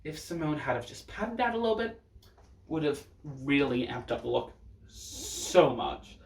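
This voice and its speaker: A drag performer reviewing looks gives casual, blunt reactions with a sassy, campy flair. His voice is a little high and gravelly, very animated yet unhurried. The distant mic captures a roomy echo along with a bit of hiss or hum.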